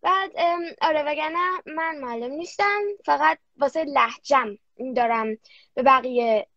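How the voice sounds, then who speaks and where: A young girl, a German-language creator appearing as a guest, answers interview questions casually and hesitantly with lots of fillers. Her high voice is creaky and a bit bright, and the recording is dry, dull and lo-fi.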